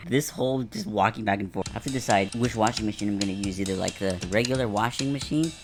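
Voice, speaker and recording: A man's voice: on the low side, fast, background noise. A tired, out-of-breath young man talking casually as a vlogger, chatty and self-mocking, often trailing off mid-sentence in a home laundry room. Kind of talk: casual vlog commentary. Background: background music.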